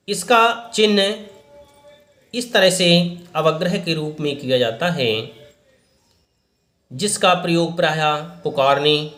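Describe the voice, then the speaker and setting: Slow-spoken male grammar teacher, echoey room. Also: fairly high pitch, fairly bright tone. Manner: slow, deliberate explaining, pointing at the board. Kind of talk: grammar lesson, explaining and giving examples.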